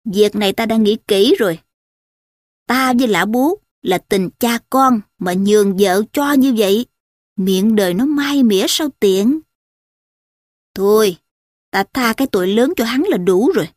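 Woman doing a gruff domineering old chancellor. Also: mid-range voice, animated, a little slow, dry recording, clean studio sound. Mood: firm. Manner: gruff, commanding.

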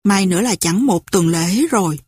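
A woman voicing a young male fighter who speaks gently and reassuringly. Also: medium pitch, normal speed, husky, dry recording, clean studio sound, close to an everyday voice. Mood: gentle.

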